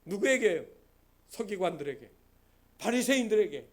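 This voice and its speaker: A man with a strikingly high voice delivers a sermon in an animated storytelling manner. He moves between soft, low-key stretches and loud, emphatic climaxes. Now and then he slips into the voices of the people in his stories. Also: moderate pace. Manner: storytelling, swings from quiet to loud emphatic peaks; acts out quoted characters in short dialogue. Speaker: pastor.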